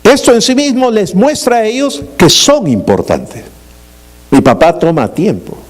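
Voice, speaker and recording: A male pastor preaching in a lively, animated voice that sits slightly high. He speaks casually, slipping in humor and checking in with rhetorical questions. He sounds middle-aged and at ease with his listeners. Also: unhurried. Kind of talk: sermon.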